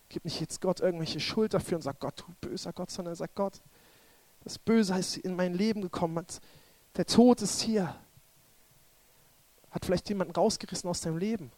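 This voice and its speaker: A man preaching a sermon and then leading a fervent spoken prayer, often repeating short calls to Jesus. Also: very high voice.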